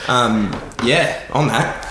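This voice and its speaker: A man's voice: mid-range voice, slow pace, background noise. A young Australian man bantering casually as a podcast co-host. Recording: echoey room with loud crowd-like chatter.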